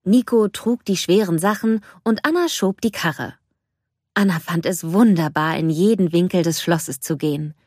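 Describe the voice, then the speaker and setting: A woman's voice: lowish voice, normal speed, darkish tone, breathy edge, no room sound, clean studio sound. Woman reading a children's storybook. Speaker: narrator.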